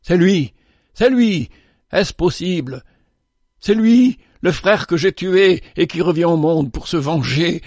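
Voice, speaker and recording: A man's voice: a little high, a little slow, few pauses, dry recording, studio quality, pitched above the performer's own voice. A man voicing a cursed, tormented old male vagabond in a read-aloud story, with anguished, declamatory outbursts. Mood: frantic. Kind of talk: storybook reading.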